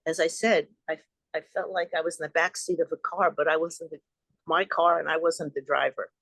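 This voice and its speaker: A low, steady, slightly bright voice belongs to an older woman from Long Island, New York, who talks briskly. As a guest and author on a video call, she earnestly rambles through personal stories in a dry recording.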